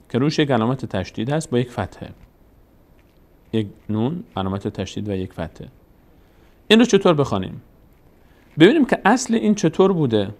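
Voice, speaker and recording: A man giving a recorded lesson on reading the Quran. He explains slowly and patiently, stopping to ask a question and then answering it himself. His voice sits at an ordinary middle pitch. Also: a little mellow.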